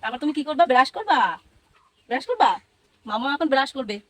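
A woman's voice: high voice, big pitch swings, fast. A woman hosting a casual family vlog, coaxing a small child in a sing-song way. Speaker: family vlogger.

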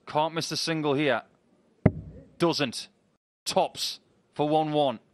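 A man's voice: fairly high pitch, steady tone, slow. A middle-aged man co-commentating on darts, mixing chatty analysis with banter. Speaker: sports co-commentator. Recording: clear background noise from the venue.

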